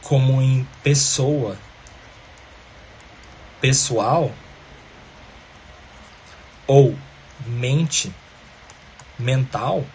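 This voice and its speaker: A man's voice: mid-range voice, drawn-out words, pauses often, darkish tone, slight background noise. A man teaching a grammar lesson, explaining step by step and often checking in with the listener.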